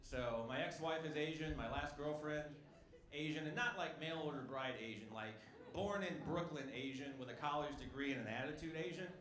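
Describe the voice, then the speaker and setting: A man's voice: a little high, a little fast. A male stand-up comedian doing a punchy, wry set, talking to the crowd from a club stage on a handheld mic. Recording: echoey club with loud crowd noise.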